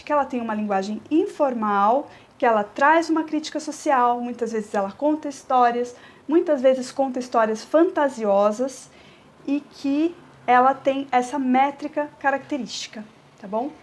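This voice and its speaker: A woman's voice: high-pitched, moderate pace. A woman teacher from Brazil giving a recorded review lesson, explaining step by step, often checking in with her students and drawing out syllables as she scans verse. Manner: stretches words when scanning verse.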